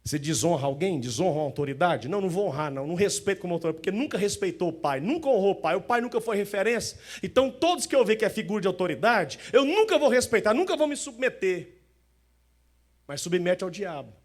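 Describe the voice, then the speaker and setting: A man preaching a sermon as pastor in a church, animated, often acting out the voices of the people he describes. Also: high-pitched, fairly quick.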